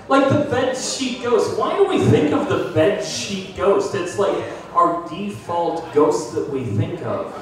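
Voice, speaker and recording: A man in his thirties doing a self-deprecating stand-up comedy set in a small bar, with a handheld mic, filmed from the audience. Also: fairly high pitch. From United States. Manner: self-deprecating, animated, puts on voices for bits. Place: small bar with brick walls, indoors. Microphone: handheld mic, filmed by a phone from the audience. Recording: echoey bar from far off. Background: audience laughter.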